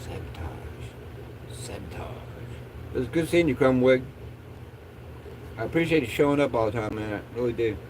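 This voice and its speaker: A man's voice: mid-range voice, a little fast, pauses often, darkish tone, a little hiss or hum, poor audio. A man chatting casually as a livestream host in a laid-back, rambling stoner drawl.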